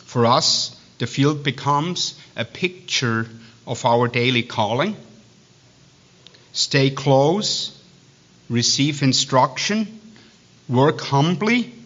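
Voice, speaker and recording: A Swiss-accented man delivers a sermon in a bright, pressing, mid-range voice. He reads scripture plainly but drifts into halting side remarks, restarting words and using fillers, and the recording is dull and lo-fi.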